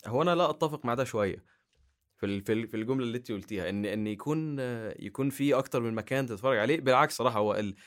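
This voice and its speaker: A man from Egypt with an Egyptian Arabic accent, a guest on a podcast, talking in a halting way with many restarts. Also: medium pitch. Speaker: guest, YouTuber. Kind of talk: casual podcast chat.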